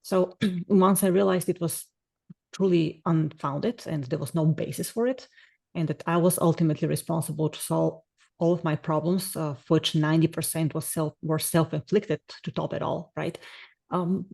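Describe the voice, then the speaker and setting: Middle-aged woman, gravelly mellow voice, talks fast and sure of herself. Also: low voice, fairly even intonation. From Bulgaria. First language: Bulgarian. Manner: brisk, assertive, explaining. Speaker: podcast guest. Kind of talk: casual interview talk.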